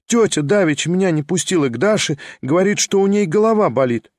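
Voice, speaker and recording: An impulsive young woman, quick to blush and eager to talk, as a male reader puts her on for an audiobook. Her voice sits noticeably higher and keeps tumbling into excited exclamations. The recording is dry and close. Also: no room sound. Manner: excited, rushing, emotional exclamations. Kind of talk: audiobook character voice.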